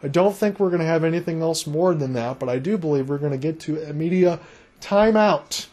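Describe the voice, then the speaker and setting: Male live hockey caller, high-pitched voice, conversational and chatty with listeners. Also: a little fast, darkish tone. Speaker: hockey play-by-play commentator. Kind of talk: live sports commentary.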